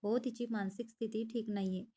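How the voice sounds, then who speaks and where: A woman voicing a young male psychiatrist, calm but curt and protective, in a read-aloud storybook. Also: fairly high pitch, fairly quick, close to an everyday voice. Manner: curt, scolding.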